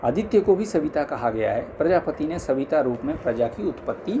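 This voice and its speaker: A man with a slightly high voice and lively intonation reads scholarly religious text aloud at a brisk pace for a scripture audiobook. The delivery is formal but he stumbles now and then, and this amateur recording has a noisy background.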